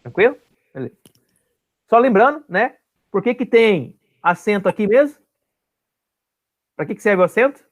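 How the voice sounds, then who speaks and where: A man's voice: sits high, sing-song, moderate pace, long pauses. A man teaching an online class, explaining step by step and often checking that his students follow.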